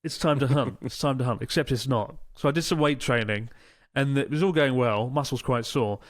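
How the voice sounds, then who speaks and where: Nursing a painful strained arm muscle, a podcast co-host talks fairly quickly in a medium-pitched voice. He tells animated stories in casual banter, swearing plenty along the way. There's no echo.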